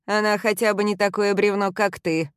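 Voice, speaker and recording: A woman's voice: low voice, fairly quick, dry recording, studio quality, close to an everyday voice. A woman reading the part of a bitter, mocking young ex-boyfriend in a storybook, with a sneering manner.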